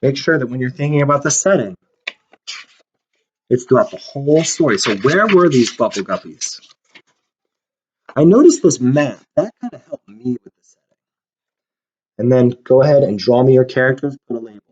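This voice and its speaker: A man teaches young children, reading a storybook and giving a lesson while he draws and chats with them upbeatly. His husky, mid-range voice has lively intonation, a normal speed, and frequent pauses, captured in dull lo-fi sound.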